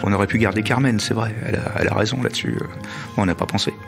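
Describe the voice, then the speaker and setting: Gravelly, hesitant older man. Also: on the low side. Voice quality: gravelly, hesitant with many pauses. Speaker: adoptive father. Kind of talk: interview. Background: soft music.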